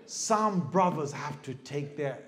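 A middle-aged man giving a lively sermon as an Islamic preacher, asking the audience questions and acting out crying babies. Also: a little high, slow pace. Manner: animated, asks the crowd questions, mimics crying babies.

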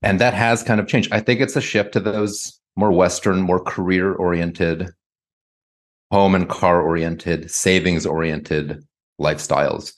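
A man from the United States speaks as an interview guest, working through his answers with a lot of hedging. His voice is very low. He talks in a loose, thinking-aloud way. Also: fairly even intonation, a little slow. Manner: thoughtful, hedging, many "kind of" and "like". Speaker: guest author.

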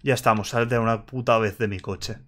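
A man's voice: medium pitch, steady tone, fairly quick, fairly bright tone, natural voice. A man reading a bitter young crocodile woman. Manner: curt, cutting, scornful. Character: bitter, sharp-tongued young female crocodile.

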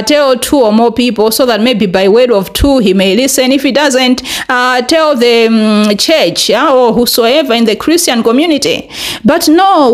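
A young woman from Malawi talking earnestly to camera in a small bright room, with many fillers, her pitch rising when she presses a point. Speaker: vlogger. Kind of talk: casual commentary to camera. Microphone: desk podcast mic in front.

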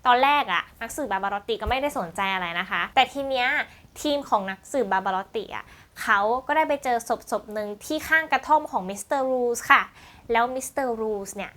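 Woman book vlogger, high bright voice, playful chatty plot summaries. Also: normal speed. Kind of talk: casual book review chat.

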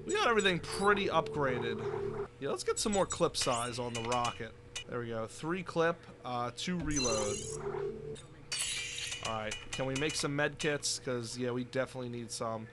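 Excitable swearing gaming host. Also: male voice, medium pitch, moderate pace. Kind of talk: let's play commentary. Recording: loud game noise behind. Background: game sounds.

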